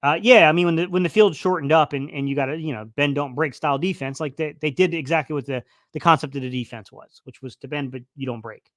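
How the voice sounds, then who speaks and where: Fast and fairly bright, this man's slightly high voice comes through studio-quality with no room sound. As host of a casual football stream, he reads chat aloud and rambles, restarting often and filling gaps, while his voice begins to give out a little.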